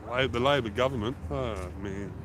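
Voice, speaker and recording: A man's voice: mid-range voice, moderate pace, background noise. A man with an Australian accent chatting on a casual live stream, blunt and heavy on swearing, rambling with restarts. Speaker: livestreaming auditor.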